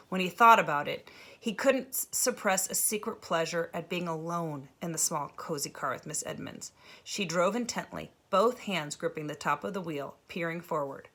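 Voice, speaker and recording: A woman reads a novel aloud with a steady, expressive storytelling manner. Her voice sits on the low side yet sounds bright and clear. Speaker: reader.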